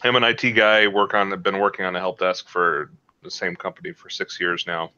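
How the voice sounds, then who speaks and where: A man with a low voice and a bright, forceful tone chats easily as a guest. The sound is slightly dull and lo-fi. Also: brisk, clean tone. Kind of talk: casual interview chat. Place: office at work.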